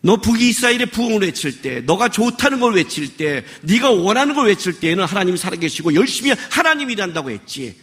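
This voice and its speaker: A man's voice: sits high, big pitch swings, fast, few pauses, fairly bright tone. A man preaching as a pastor, scolding and firing off rhetorical questions. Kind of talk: sermon. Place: worship service.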